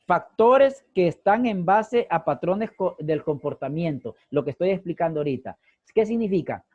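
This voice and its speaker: A man's voice: sits high, expressive, normal speed, no echo, dull audio. A man teaching a sociology class over a video call, asking rhetorical questions and repeating key phrases. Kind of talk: online class lecture.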